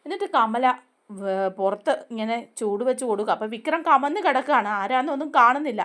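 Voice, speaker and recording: A woman hosting a chatty recap of a TV serial episode, telling the story in an animated way with frequent conversational tag questions. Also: a little high, brisk.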